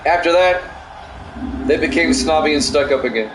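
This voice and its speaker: Middle-aged man, steady football play-by-play, slightly high voice, roomy sound with background noise. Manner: measured, matter-of-fact play calling with casual asides. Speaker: play-by-play announcer and stream host. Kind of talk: simulated football play-by-play commentary.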